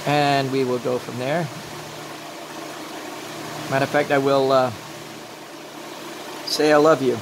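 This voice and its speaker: A man's voice: mid-range voice, slow pace, long pauses. A man giving an informal hands-on demonstration, rambling as he talks himself through steps, with slightly mushy, toothless articulation. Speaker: glassworking instructor. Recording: loud steady torch or engine-like noise.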